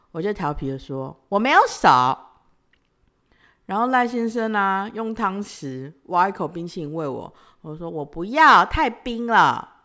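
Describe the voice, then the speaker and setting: A woman's voice: medium pitch, a bit bright. A young woman, hosting a podcast and telling a personal story in a playful, teasing way with frequent giggles. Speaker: podcast host.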